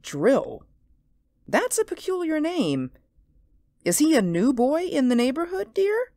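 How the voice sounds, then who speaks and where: A woman playing an amused, indulgent mother who gently chides and humors her child in a radio drama. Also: high-pitched, sing-song, slow, no echo, clean studio sound, full character voice. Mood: gently chiding, humoring.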